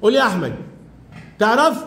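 A man's voice: high-pitched, very animated, fairly quick, sharp tone. A man with an Egyptian accent teaching a primary class, coaxing pupils with repeated questions. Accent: Egyptian Arabic. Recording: echoey classroom.

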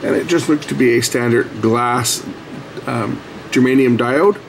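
A middle-aged repair video host talks casually as he works at an indoor bench, explaining each step. His voice sits at medium pitch with a measured pace and some vocal fry. The recording picks up a noisy room.

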